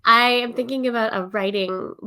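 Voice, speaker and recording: A woman's voice: mid-range voice, moderate pace, fairly bright tone. A woman co-hosting a podcast with a nasal, stuffy voice from a cold, chatting casually and poking fun at herself. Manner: laughing, self-deprecating. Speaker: podcast co-host.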